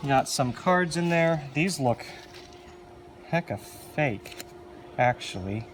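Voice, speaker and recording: Taking things slowly, a hobbyist who makes arcade machine videos offers unscripted, casual commentary while handling equipment, often muttering to himself in an offhand manner. His voice is fairly high-pitched and expressive, with background noise behind it.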